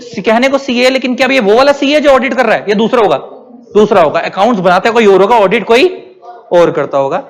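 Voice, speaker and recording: A man teaching a class in a high voice. He keeps asking questions and answering them himself. His voice rings with a long reverb. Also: brisk. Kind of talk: classroom lecture.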